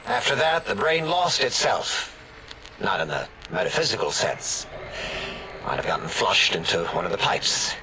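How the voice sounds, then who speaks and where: Game scientist brain, rambling, hesitant, very lively pitch, bright tone. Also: male voice, moderate pace, a little hiss or hum, full character voice, rough recording. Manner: meandering, hesitant, with sarcastic asides. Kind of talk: video game voice acting.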